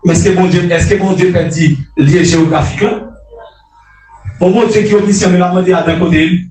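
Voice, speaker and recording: High-voiced man preaching in an echoey hall. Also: steady tone, brisk, soft background music. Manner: impassioned, shouted calls of alleluia; repeats and restarts phrases. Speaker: prophet preaching. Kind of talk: sermon. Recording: echoey hall picked up from a distance.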